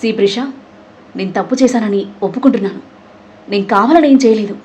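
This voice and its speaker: A woman's voice: medium pitch, a little fast, a little mellow, slight background noise, natural voice. A woman voicing a frightened young woman caught cheating, who pleads in a panic. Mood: pleading.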